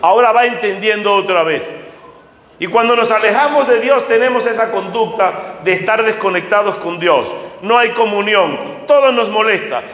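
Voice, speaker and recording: Man, pastor, sermon, high voice, slow emphatic lines and quick asides, reverberant church hall. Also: a bit bright. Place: church sanctuary.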